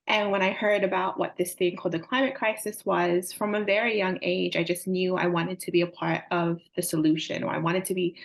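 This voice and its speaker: A young woman, answering interview questions earnestly with frequent fillers. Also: lowish voice. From Samoa. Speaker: climate advocate guest.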